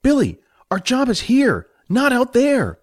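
A man voicing an exasperated male adventurer companion who scolds in a high, strained voice. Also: wildly swooping pitch, unhurried, heavily acted. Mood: scolding.

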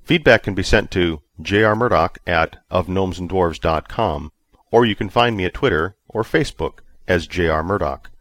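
A man reads a podcast sign-off in a plain, measured way. His voice is very deep. The sound is dry and close. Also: a bit bright, no room sound. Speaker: podcast author. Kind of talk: podcast outro.

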